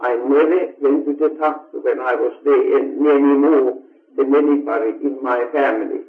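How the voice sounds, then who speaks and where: A woman in her seventies from Finland, a native Finnish speaker, recalls her childhood in an oral history interview, speaking slowly and pausing to search for words. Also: extremely low pitch, fairly even intonation. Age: 70s. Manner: slow and reflective, pauses to search for words. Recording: tinny, echoey old tape recording.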